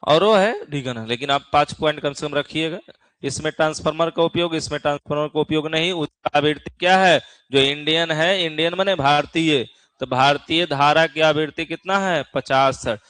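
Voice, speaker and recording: A man's voice: a little high, moderate pace, fairly bright tone, no room sound. A male physics teacher, lecturing a class in a chatty way, teasing students and often checking that they follow. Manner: keeps asking the class "theek hai na?".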